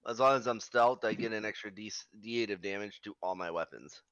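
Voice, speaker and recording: A man with a lowish voice talks casually as a tabletop player. The sound is very dry and slightly dull, like a lo-fi recording. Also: brisk, a bit bright, clear, resonant tone, no room sound. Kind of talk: casual game talk.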